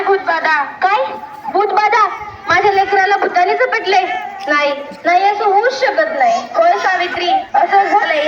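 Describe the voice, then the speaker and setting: Girl playing a very high-voiced pleading village mother. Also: background noise. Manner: pleading, emotional. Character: anxious village mother, young woman. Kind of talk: school stage play. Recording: echoey hall, dull sound.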